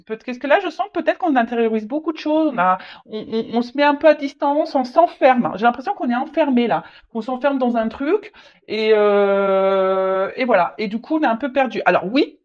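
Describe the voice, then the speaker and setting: A woman giving a casual tarot reading, addressing the viewer directly, often stalling and repeating words. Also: a little high. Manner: halting, repeats words, many fillers. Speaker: tarot reader. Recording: slightly dull lo-fi audio.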